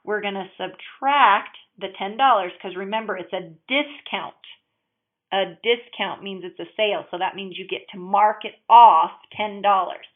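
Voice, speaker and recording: A woman's voice: mid-range voice, unhurried. Upbeat woman teacher, tinny audio. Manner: upbeat, encouraging, talks students through steps. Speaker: math teacher. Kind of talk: recorded classroom lesson.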